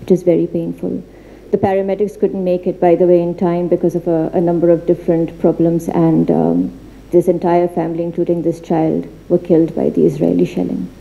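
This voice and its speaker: Earnest woman speaking with dark tone. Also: fairly low pitch, flat delivery, gravelly, rough recording. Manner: earnest, halting with frequent fillers and restarts. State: becoming emotional. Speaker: seminar speaker. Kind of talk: formal seminar talk with slides. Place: institute library.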